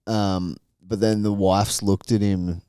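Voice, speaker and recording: A young Australian man with a fairly low voice co-hosts a casual podcast. He tells crude, swear-heavy stories. The sound is dry and close, with no room echo. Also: level tone, takes it slowly, dark tone, smooth. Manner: crude, profanity-heavy storytelling with laughs. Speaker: podcast co-host. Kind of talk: casual chat.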